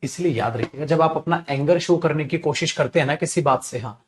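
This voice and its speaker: A man's voice: on the high side, a little fast, a little hiss or hum. A man teaching an English grammar class in Hindi, calling students "beta" and acting out angry scolding examples. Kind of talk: live online grammar class.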